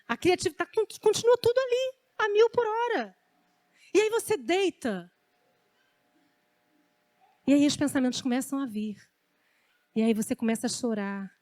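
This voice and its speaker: Animated Brazilian woman preaching. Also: sits high, moderate pace, pauses often, dry recording. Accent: Brazilian Portuguese. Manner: conversational, animated storytelling preaching. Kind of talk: sermon.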